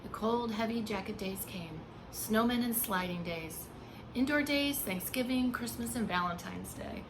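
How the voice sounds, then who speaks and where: A woman pre-K teacher with a medium-pitched voice reads a children's picture book aloud, unhurried and expressive, slipping into hushed emphasis. She talks simply and directly to little listeners, adding chatty asides, explanations, and questions, with clear background noise in the recording.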